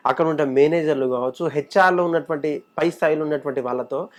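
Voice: medium pitch, quick pace. A TV anchor in a studio interview, asking long questions built from strings of repeated phrases.

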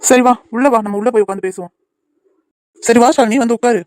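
A woman voicing a gentle, fast-talking cartoon young man. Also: fairly high pitch, steady tone, close to an everyday voice. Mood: soothing. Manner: soothing, reassuring, quick talking. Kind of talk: cartoon voice acting.

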